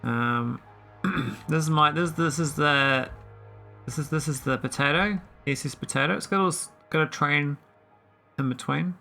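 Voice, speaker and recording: A man chatting casually while streaming a game, rambling with many pauses and talking to his viewers. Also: fairly high pitch, gravelly, pushed and bright, faint music behind. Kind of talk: casual live-stream chat.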